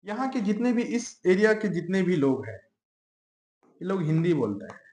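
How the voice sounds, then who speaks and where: A man's voice: high-pitched, very animated, moderate pace, a little mellow. A man teaching a class in a conversational lecture style, often asking the students rhetorical questions. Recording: echoey room.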